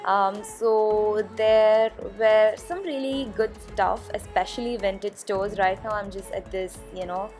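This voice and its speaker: A woman's voice: mid-range voice, fairly even intonation, unhurried, hardly any pauses, darkish tone, faint music behind. A young woman from India narrating a casual travel vlog, chatty with frequent ums and uhs. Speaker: travel vlogger.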